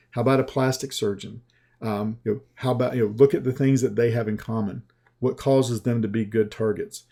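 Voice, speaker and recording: A Southern US man in the mold of a sales coach delivers a mellow, unhurried webinar pitch with a folksy feel. He talks slowly and conversationally, restarting his sentences now and then.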